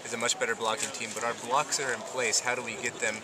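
A man conducts a postgame radio interview with flat, even delivery, packing his questions with statistics. He sounds set back from the microphone. Loud arena noise runs underneath. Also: medium pitch, quick pace. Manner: flat, stat-laden scripted questions. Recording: distant mic with loud background noise.

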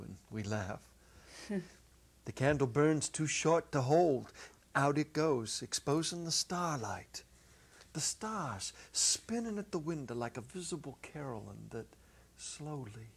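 A middle-aged reader with a medium-pitched, slightly rough voice performs a short story dramatically, seated at a music stand on an indoor stage set. His theatrical delivery ranges from hushed to emphatic, marked by deliberate pauses, and he's recorded on a clip-on lapel mic.

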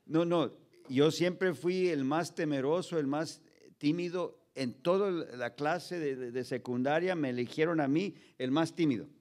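His pitch fairly high and his tone a little mellow, the fifty-something pastor from Los Angeles talks a little slowly with his Mexican-American accent. He preaches humorously to a children's ministry through a stand mic on a large indoor stage, narrating stories with imitated dialogue and English phrases mixed in.

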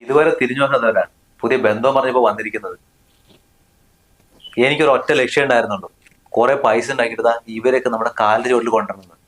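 A man's voice: medium pitch, steady tone, fast, long pauses, fairly bright tone, lightly acted. An actor playing a scornful young husband who snaps at his wife in a family short film. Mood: angry. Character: harsh money-proud young husband.

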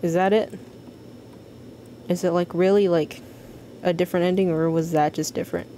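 Female horror game streamer, scared and nervous, mellow delivery, slightly noisy background. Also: fairly low pitch, steady tone, moderate pace. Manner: scared, nervous asides to chat. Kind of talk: live horror game playthrough, reading dialogue aloud.

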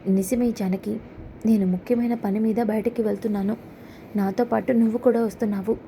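A woman voicing a calm, fatherly middle-aged head of the family in a serial recap, speaking earnestly and reassuringly. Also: medium pitch, brisk, slight background noise, close to an everyday voice. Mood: decisive.

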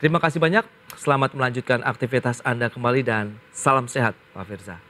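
A man's voice: mid-range voice, fast talker, pushed and bright, slight background noise. A young man hosting a live business news interview in a studio, polished and affirming. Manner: polished, affirming, frequent acknowledgments.

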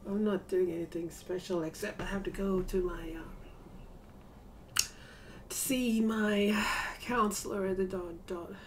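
Sounding distant through her webcam's built-in mic at desk distance, a woman in her 40s rambles hesitantly in a casual personal vlog, filling pauses often. Her voice is medium-pitched and darkish, with slight background noise in her small, cluttered bedroom.

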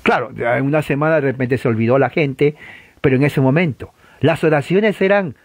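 A man teaching church history in an informal lecture, animated and conversational, with frequent rhetorical asides to the listener. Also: mid-range voice, brisk, dry recording.

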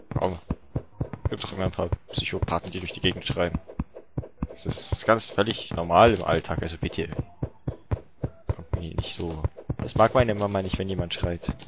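A young man giving playful, self-mocking commentary on a game he is playing, often breaking into yelps and shouts. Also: sits low, background noise. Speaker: let's play commentator. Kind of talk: casual gameplay commentary.

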